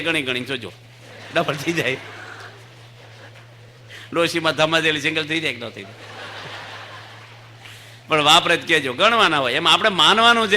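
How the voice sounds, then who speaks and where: A swami gives a religious discourse in an assembly hall where children are among the audience, telling stories with voiced characters and asking the listeners questions. His voice is on the high side with a sharp tone, and there's slight background noise.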